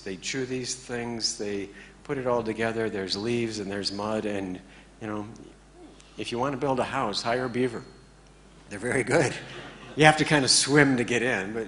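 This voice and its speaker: Low-voiced man teaching with jokes. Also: a bit bright, slight background noise. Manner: joking, conversational, keeps checking in with the audience. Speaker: meditation teacher. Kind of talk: informal talk to a class.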